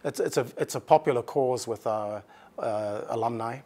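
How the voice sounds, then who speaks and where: Measured middle-aged male headmaster. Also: medium pitch, warm tone. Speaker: school headmaster, interview guest. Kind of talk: formal interview answers. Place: indoor office set. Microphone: lapel.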